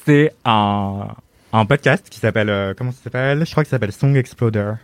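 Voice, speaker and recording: A man chatting on a podcast, gushing and talking fast, with lots of fillers and restarts. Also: lowish voice, clean tone. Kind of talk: casual podcast chat.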